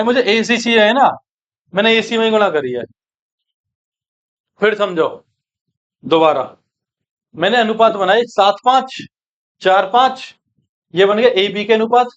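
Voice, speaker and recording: A man teaching an exam-prep maths lesson, brisk and coaxing, who keeps checking that his students follow. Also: sits high, highs cut off.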